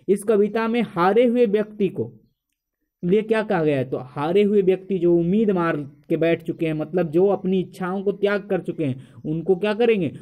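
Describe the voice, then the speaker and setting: In a mellow voice that sits high, a man explains a school poetry lesson, calling the viewers his friends and asking questions that he then answers himself.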